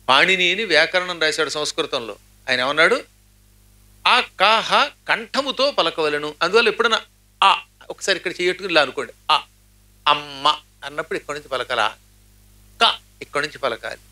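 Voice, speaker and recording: Bright, high-voiced man giving a spiritual discourse. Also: animated, normal speed, long pauses. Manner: explains by chanting Sanskrit verses then glossing them; humorous asides mimicking pronunciation. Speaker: religious speaker.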